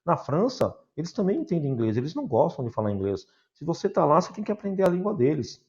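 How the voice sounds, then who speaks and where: A man from Brazil teaching a recorded class in a lively, chatty way, addressing his students informally. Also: a little high, fast, highs cut off.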